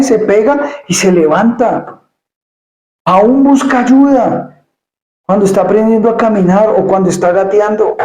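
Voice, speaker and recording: A male pastor delivers an emphatic sermon in a fairly high but dark, mellow voice. He repeats words as he builds his points. The sound carries the echo of a church room. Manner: emphatic preaching with repetitions and acted asides.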